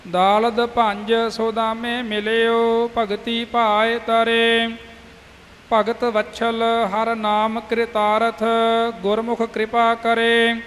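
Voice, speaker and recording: A man recites scripture in a very high, nearly unchanging tone, weighing each syllable at a very slow pace. His voice rings out in a long-echoing hall with faint music underneath. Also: fairly bright tone, slight background noise. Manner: measured, syllable by syllable.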